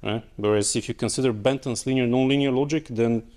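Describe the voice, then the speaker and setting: A man's voice: medium pitch, fairly even intonation, fairly quick, a little mellow. A young man presenting at an academic conference and answering questions, talking in a hesitant way with many fillers and restarts, in a lecture hall. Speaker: conference speaker. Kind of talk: technical talk and Q&A. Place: lecture auditorium.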